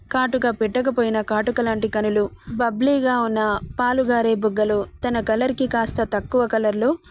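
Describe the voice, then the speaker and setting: A woman narrating a romance story in an expressive, descriptive way. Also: a little high.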